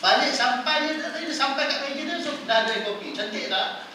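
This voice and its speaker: A man with a Malaysian Malay accent giving a lively, playful religious lecture in a prayer hall, often quizzing his audience. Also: very high-pitched, moderate pace. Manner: playful, quizzes audience, acts out wives' voices. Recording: echoey hall, distant mic, noisy.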